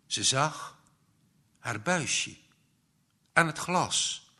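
A man reads a story aloud with a slow, expressive delivery. His voice is bright and a little high for a man, with a lively rise and fall in pitch. He leaves dramatic pauses between phrases.

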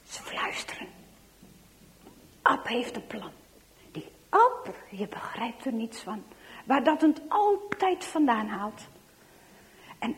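A woman reading a children's story aloud, dramatic, dropping to hushed whispers and rising to loud exclamations. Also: high voice.

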